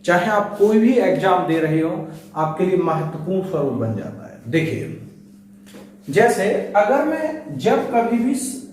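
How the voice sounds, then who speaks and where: A man's voice: high voice, big pitch swings, unhurried, darkish tone, slight background noise. Guy teaching grammar class, talks right to the students, sounds a bit far from the mic. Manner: addresses students directly, explains step by step. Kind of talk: online exam-prep lesson. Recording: very echoey room, voice slightly far from mic.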